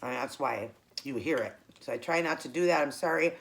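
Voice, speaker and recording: Speaking with an extremely low pitch and vocal fry, this keto eating show host, a middle-aged American woman with a tongue piercing, talks casually to her viewers between bites, stopping to chew.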